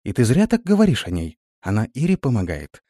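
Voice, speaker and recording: Man voicing a shy trusting girl, soft and meek, dry close mic. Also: medium pitch, wildly swooping pitch, brisk, no room sound. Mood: confiding. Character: gentle, trusting, naive young woman.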